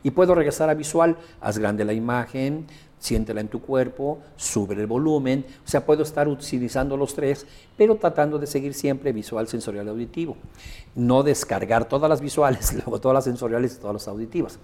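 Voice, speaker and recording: A man's voice: mid-range voice, brisk, dark tone. A man giving a coaching lesson, explaining step by step and guiding the listener through an imagined scene, with frequent hesitation fillers. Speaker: coaching instructor. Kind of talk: spoken lesson.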